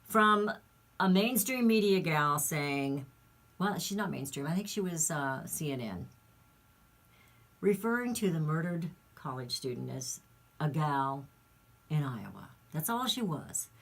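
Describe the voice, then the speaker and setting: A woman's voice: low voice, very animated, measured pace. Indignant woman talk radio host. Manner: indignant, emphatic, rambling asides. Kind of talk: opinionated talk radio monologue.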